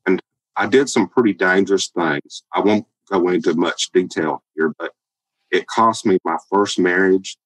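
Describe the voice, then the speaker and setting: A man in his fifties with a Southern Alabama accent speaks as an interview guest. His voice sits on the low side and sounds plain-spoken and candid. The recording is dry and close. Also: moderate pace, dry recording, rough recording. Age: 50s. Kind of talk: podcast interview.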